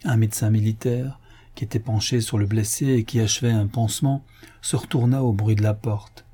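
Narrator: man, husky, mellow, measured literary reading. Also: fairly low pitch, steady tone. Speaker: audiobook narrator. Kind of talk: scripted narration.

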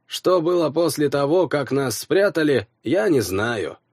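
A man voicing an old half-elf woman, a village elder, with a scratchy, creaking voice and a slow, solemn, respectful way of speaking. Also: fairly high pitch, expressive, darkish tone, no room sound, clean studio sound, pitched above the performer's own voice.

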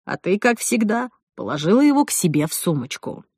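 A woman reading an audiobook voices a calm, condescending husband who coaxes his wife like a child. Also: high-pitched, a little fast, slightly rough, dry recording, clean studio sound, heavily acted. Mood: weary. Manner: soft, patronizing coaxing.

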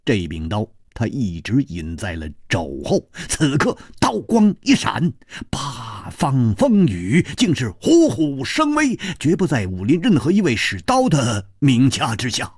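A male storyteller narrating a martial-arts tale in a dramatic, expressive style. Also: mid-range voice, unhurried, breathy edge, no room sound, studio quality.

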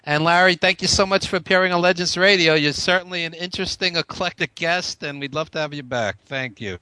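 A man's voice: fairly high pitch, a little fast, sharp tone, smooth, no room sound. A middle-aged man with a Brooklyn accent hosting a casual radio interview, chatty and given to repeating phrases. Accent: Brooklyn, New York. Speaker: radio host interviewing a guest.

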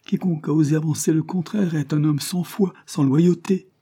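A man's voice: on the high side, fairly even intonation, moderate pace, dark tone, husky, pitched above the performer's own voice. A man voicing a passionate young woman in an audiobook, given to pleading, sobbing outbursts. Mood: distraught, vehement.

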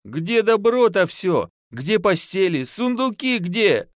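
Shrewish peasant wife for a storybook, played by a man, raised high, wailing and scolding with a dry close sound. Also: very animated, measured pace, dry recording.

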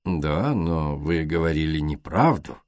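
A man voicing a brusque, blunt male police superintendent in an audiobook, in a flat, matter-of-fact way. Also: low voice, measured pace, dry recording, clean studio sound. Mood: stern.

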